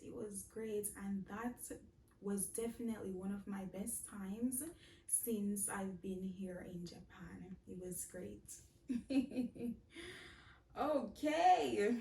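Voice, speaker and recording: Slow, heartfelt Jamaican woman vlogger. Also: medium pitch, a little mellow, reverberant, recorded from a distance, slight background noise. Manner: slow, heartfelt, repeats phrases, laughs often. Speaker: vlogger answering viewer questions. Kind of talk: casual Q&A vlog.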